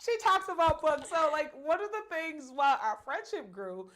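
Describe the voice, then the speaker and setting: A woman's voice: high voice, very animated, moderate pace, fairly bright tone. A woman from Jamaica hosting a casual interview, bubbly and laughing, with lots of "like" in her talk. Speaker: host.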